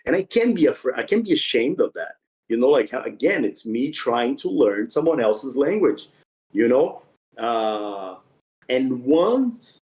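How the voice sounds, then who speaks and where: A podcast guest whose first language is Portuguese talks earnestly in a casual interview, with some non-native phrasing. His voice is medium-pitched and a little mellow.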